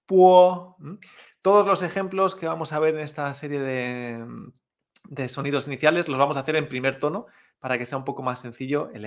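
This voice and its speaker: Patient Spanish-speaking man teaching pronunciation. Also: fairly high pitch. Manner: patient, explanatory, checks in with frequent "¿eh?" tags. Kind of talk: online language lesson.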